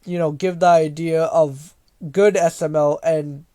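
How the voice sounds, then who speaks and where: A man's voice: on the high side, steady tone, measured pace, mellow. A man doing casual commentary as he reads and answers comments, with a sarcastic, exasperated way of rebutting them. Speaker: video creator reading and answering viewer comments.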